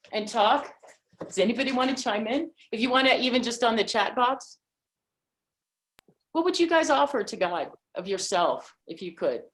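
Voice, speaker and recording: A woman hosting an online holiday gathering, talking casually and haltingly with many fillers over a video call mic. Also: fairly high pitch. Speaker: event host.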